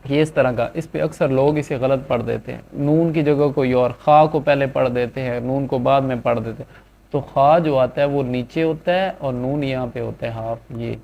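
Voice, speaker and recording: A man teaching a reading lesson, drawing out each syllable slowly, then adding quick, quieter explanations. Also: medium pitch, creaky, slight background noise. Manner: drawn-out syllables between quick asides. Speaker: Quran reading tutor. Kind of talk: slow spelled-out recitation lesson. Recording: dull lo-fi sound.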